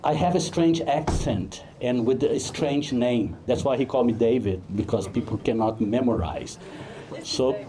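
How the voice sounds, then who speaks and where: A man from Brazil, a film director giving a humorous, anecdotal talk at a networking event, halting often with fillers. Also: medium pitch, background noise.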